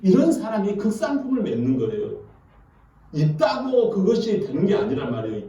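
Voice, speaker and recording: A male pastor preaching a sermon, animated and asking the congregation questions. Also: sits high, brisk, dull audio. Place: church sanctuary. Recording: echoey church from far off.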